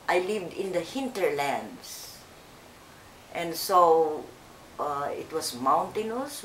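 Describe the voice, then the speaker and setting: Slow older woman. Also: fairly low pitch, a bit bright, echoey room, a little hiss or hum, low-quality recording. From Philippines. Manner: slow, hesitant, with many fillers and restarts. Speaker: interviewee. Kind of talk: oral history interview.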